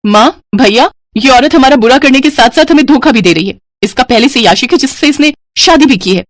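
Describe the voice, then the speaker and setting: In an animated storybook, a woman voices a spoiled, scheming young sister-in-law with a shrill, sneering, bossy delivery. The performance is lightly acted and a little fast, with no echo.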